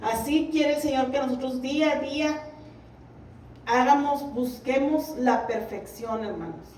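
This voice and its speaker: A woman's voice: high-pitched, unhurried, darkish tone, slight background noise. A woman preaching a sermon, earnestly exhorting her congregation. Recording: roomy, distant mic.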